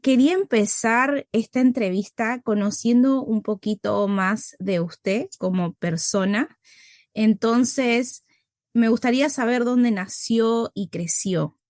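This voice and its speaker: A woman's voice: on the high side, takes it slowly, dry recording. Friendly woman interviewer, dry close sound. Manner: warm, affirming reactions. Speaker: interview host.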